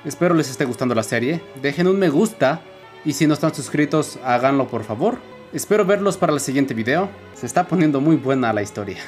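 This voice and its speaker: Casual gaming man over loud music. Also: a little high, lively intonation, a little fast. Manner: casual and chatty, signs off informally. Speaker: let's play host. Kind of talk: gameplay commentary, reading dialogue aloud. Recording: loud game music underneath.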